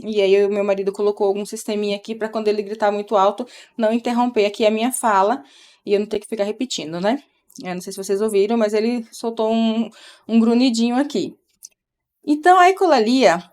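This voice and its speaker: A middle-aged Brazilian mother with a slightly high, slightly mellow voice chats casually on a live stream. She explains things as she goes, talking to her child in a chatty way.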